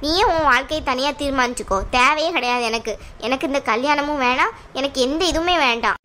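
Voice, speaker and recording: A woman voicing a stubborn, hot-tempered younger sister in a cartoon, sharp and argumentative. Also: high-pitched, a little fast. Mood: defiant. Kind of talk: cartoon voice acting.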